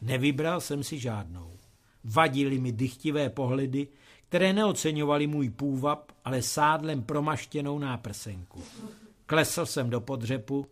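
A man reading a humorous story aloud with dry, deadpan delivery. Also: medium pitch. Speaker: reader of humorous stories.

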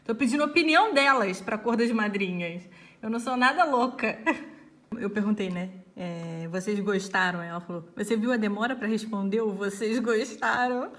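Vlogger, woman, 20s, bright tone, giggles through her chat. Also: medium pitch, moderate pace. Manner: giggly, laughs often, animated. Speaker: bride and vlogger. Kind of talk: casual vlog chat.

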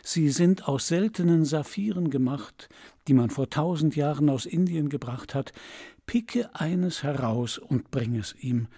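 A man's voice: unhurried, breathy edge. A man reading a sorrowful prince statue. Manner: soft, low and tender. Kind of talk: audiobook fairy-tale reading.

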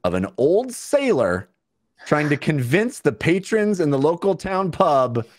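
A man's voice: fairly high pitch, sing-song, measured pace, no room sound. A man in his forties casually hosting a tabletop game as game master. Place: indoors, on a group video call.

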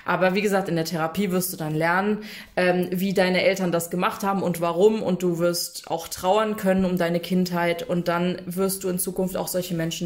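A woman coaching viewers in a casual, direct-to-camera advice talk, chatty and emphatic, often tagging her sentences with a questioning "ne?". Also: lowish voice. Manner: addresses viewers directly and informally. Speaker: coach for people affected by narcissistic abuse.

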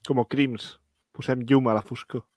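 A man co-hosting a relaxed livestream, laid-back and questioning, chuckling now and then. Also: medium pitch, unhurried, no echo, studio quality. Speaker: podcast co-host. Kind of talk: casual chat on a livestream.

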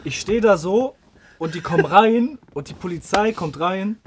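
A man with a slightly raised voice tells an animated, slangy story in a podcast studio. He keeps laughing as he talks. A steady noise with clicks sits under the recording. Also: high voice, normal speed. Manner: animated retelling, slangy, laughing while talking. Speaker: podcast guest. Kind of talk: casual storytelling chat. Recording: noticeable background noise with clicks.

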